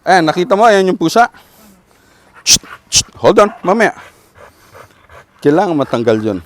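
A man with a Filipino accent, a dog trainer coaching an owner outdoors with calm, repeated short commands. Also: high-pitched, measured pace, a little hiss or hum.

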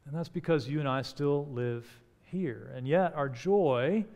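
Animated man preaching in a reverberant hall. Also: a little high, creaky, dull audio. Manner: animated preaching, rising for emphasis and dropping soft and slow on key words. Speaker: pastor. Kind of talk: sermon. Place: large church stage at a pulpit.

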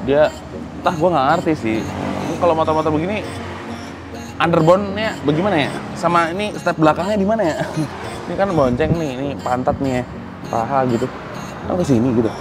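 Young guy vlogging about a bike outside a garage, pretty high voice, lapel mic, music playing under him. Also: fairly quick, long pauses. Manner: excitable, slangy, thinking aloud. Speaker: motorcycle vlog host. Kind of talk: casual walkaround review. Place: outdoor garage courtyard.

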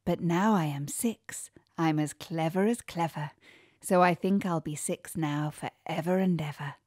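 A woman with an English accent, reading children's poems aloud in a soft, cosy way, sometimes almost whispering. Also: low-pitched, unhurried, no echo, studio quality. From England. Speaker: reader. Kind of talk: storybook poetry reading.

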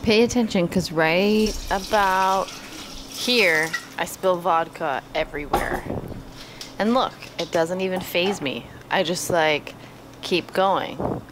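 Slow, wry woman narrating over footage. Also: lowish voice. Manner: wry, deadpan humor. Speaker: vlogger narrating. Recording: background noise.

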